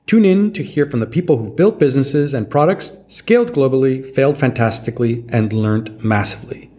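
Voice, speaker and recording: A man's voice: medium pitch, animated, a little fast, mellow, reverberant. A man from Latin America hosting an interview podcast, asking long, winding questions full of fillers. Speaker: podcast host.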